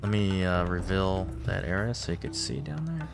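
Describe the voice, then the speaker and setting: A man with a slightly low voice runs a tabletop game as game master, describing each shot and hit for his players. He gets audibly excited when the dice come up big. Music plays softly behind him. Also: moderate pace, gravelly. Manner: excitable, gasps at big rolls. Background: background music.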